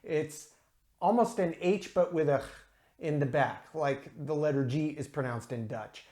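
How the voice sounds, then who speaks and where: A man's voice: a little high, measured pace, darkish tone. A man hosting a casual video beer review, talking in a chatty, explanatory way with frequent ums and uhs. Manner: careful with pronunciation, drawn out.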